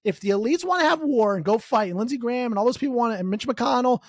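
A man hosting a podcast, delivering a sarcastic political comedy rant that swings between loud outbursts and low mutters. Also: animated, quick pace, dry recording, clean studio sound. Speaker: podcast host.

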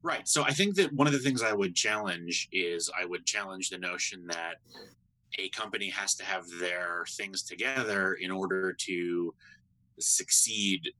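A man who is a computer scientist, a guest on a podcast, answering in a thoughtful, measured way. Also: deep voice, sharp tone, no echo, poor audio. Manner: thoughtful, measured, often asks "right?". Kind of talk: conversational interview answers.

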